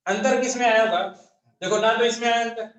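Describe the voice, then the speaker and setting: A high-pitched male physics teacher lectures a class. He fires question after question and answers each one himself. The echoey classroom rings around his voice. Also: steady tone, a little fast, fairly bright tone.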